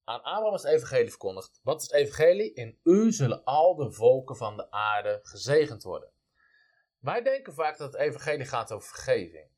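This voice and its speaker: A man's voice: mid-range voice, very animated, brisk, a little mellow. A man in a casual Bible discussion who talks eagerly and affirms his partner often.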